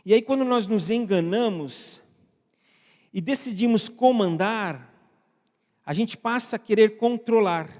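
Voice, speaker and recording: A man's voice: high-pitched, unhurried, long pauses, a little mellow. A man with a Brazilian accent preaching a conversational sermon in church, often asking the congregation questions and speaking to viewers at home. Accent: Brazilian Portuguese. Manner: asks the congregation frequent questions; addresses online viewers at home. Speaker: pastor. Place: church hall. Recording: long church reverb.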